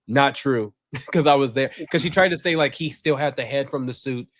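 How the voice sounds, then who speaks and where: A man's voice: mid-range voice, moderate pace, no room sound, studio quality. A man hosting a casual group chat over a video call, rambling with fillers and laughing often. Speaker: podcast host.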